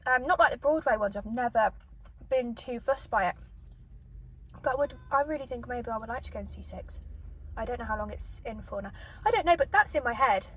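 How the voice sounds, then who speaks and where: Here a high-voiced British mukbang host, husky and fairly bright, chats with lively intonation between mouthfuls as she reviews her food. It's recorded from afar, with clear background noise.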